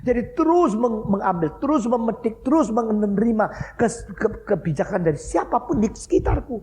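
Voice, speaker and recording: Animated high-voiced male lecturer. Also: moderate pace. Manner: lively storytelling, mixes in English phrases. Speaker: pastor and lecturer. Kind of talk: university lecture. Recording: faint background noise, old lecture recording.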